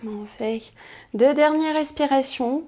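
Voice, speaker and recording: A woman instructor calmly guiding a pilates class, cueing movements and counting, with soft whispered asides. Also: high-pitched, takes it slowly. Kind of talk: guided exercise class instruction.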